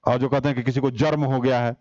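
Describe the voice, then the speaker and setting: A man's voice: mid-range voice, fairly even intonation, fast, a little mellow, dry recording, highs cut off. Man teaching a class, rhetorical questions. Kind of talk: online exam-prep class.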